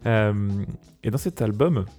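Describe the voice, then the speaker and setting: Podcast co-host, male, low dark voice, rambling and amused. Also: animated, slow pace, soft background music. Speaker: podcast co-host presenting tracks. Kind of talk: casual music chat.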